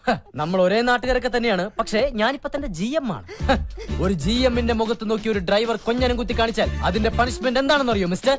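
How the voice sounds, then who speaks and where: An actor playing a smug, self-important young general manager who is smooth and polite to his bosses in a film comedy. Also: extremely high pitch, fast talker, over music.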